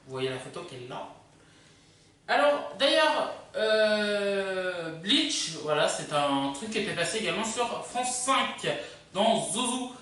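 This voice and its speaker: Unscripted and casual, this countdown host rambles hesitantly and keeps wandering off into asides. The voice is medium-pitched, sing-song and a bit bright, delivered slowly, and the recording is echoey with a distant mic.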